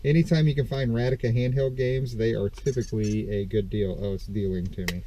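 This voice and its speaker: A reseller vlogger, congested from a dust allergy, speaks fairly quickly in a low, steady, dark voice as he rambles through estate sale finds. He stumbles with ums and self-corrections. He's in a parked car with a camera on the steering wheel, and a little hiss or hum runs under the audio.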